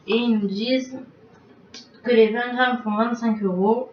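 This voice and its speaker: A woman vlogger with a highish, steady voice chats unhurriedly through a beauty box unboxing at home, sprinkling in little filler words. Her webcam recording sounds roomy, distant and dull, with slight background noise.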